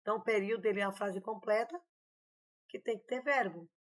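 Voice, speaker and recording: A woman's voice: mid-range voice, fast. A woman teaching a grammar lesson online, in a chatty, explanatory way that keeps checking in with her students. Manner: chatty, explanatory, often adding "né?" and "tá, gente?". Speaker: Portuguese teacher.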